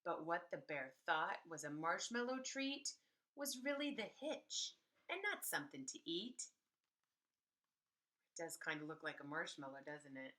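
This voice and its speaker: A woman with a deep voice reads a story aloud to young children the way a preschool teacher would. She's animated and emphatic, pausing to explain things.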